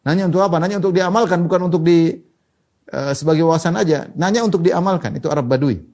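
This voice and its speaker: A male preacher delivers a fast, flowing hadith lecture. His voice sits fairly high and sounds mellow and relaxed. He moves between recited Arabic and lively explanation. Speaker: Islamic preacher.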